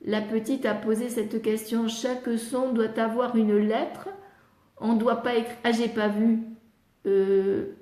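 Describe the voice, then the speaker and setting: An older woman with a French accent, a speech therapist answering live questions, patiently sounding out letters and syllables and pausing often to read viewers' questions. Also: on the high side, little pitch movement, warm tone, roomy sound. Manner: reads viewers' questions aloud, frequent hesitations. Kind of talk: live Q&A teaching.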